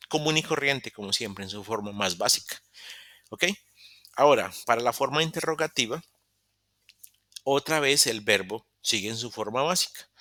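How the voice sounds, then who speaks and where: Un profesor de inglés que explica la gramática con paciencia en una clase virtual, repite las ideas y hace preguntas a sus alumnos. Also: male voice, mid-range voice, pushed and bright, dry recording, clean studio sound. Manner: patient, repeats explanations, asks students questions. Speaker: English teacher. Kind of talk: online class lesson. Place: virtual class session.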